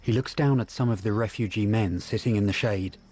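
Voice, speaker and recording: A man reading scripted audio description for a film in a measured, descriptive manner. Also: on the low side, darkish tone, a little hiss or hum.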